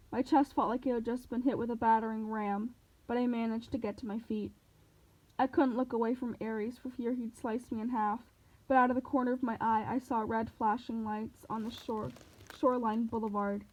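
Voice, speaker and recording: A woman's voice: on the high side, flat delivery, normal speed, darkish tone. A woman reading a novel aloud, telling the story steadily in the first person. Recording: dull lo-fi recording.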